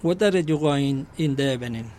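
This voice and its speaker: A man's voice: medium pitch, normal speed, a little mellow. A man with a Spanish accent speaking hesitant, broken beginner's English in a practice dialogue. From Basque Country, northern Spain. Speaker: English course student. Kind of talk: practice dialogue in a language class. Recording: clear background noise, ambience.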